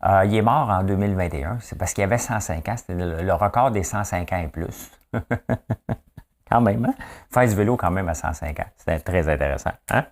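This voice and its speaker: Speaking briskly in a low-pitched voice, this fifty-something host with a Quebec French accent runs a chatty, folksy news conversation. He keeps asking his listeners questions, tacking on "hein?" again and again.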